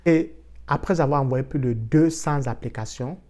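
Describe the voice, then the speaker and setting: A man from Africa telling a casual personal story for his vlog in a lively way, dropping in English words. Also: mid-range voice, moderate pace. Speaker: vlogger.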